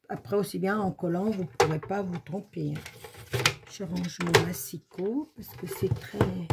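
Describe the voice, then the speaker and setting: A woman with a mid-range, gravelly, dark-toned voice hosts a casual craft tutorial, showing a paper craft step by step in her home workshop while fighting a slight cold; there's a little hiss or hum. She's 40s to 60s and a grandmother. Her manner is chatty and think-aloud, full of "hop" and "voilà."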